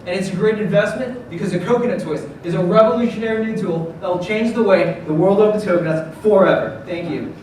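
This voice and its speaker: A distant, noisy hall recording carries a young man's voice, a little high in pitch. He delivers a confident startup pitch as a founder. His phrasing is emphatic and rehearsed, stated in clear declarations. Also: fast talker, hardly any pauses, over a noisy crowd. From South Florida, US. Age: young adult. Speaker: student founder pitching to judges. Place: large room at a pitch competition. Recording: echoey hall, distant mic, clear noise.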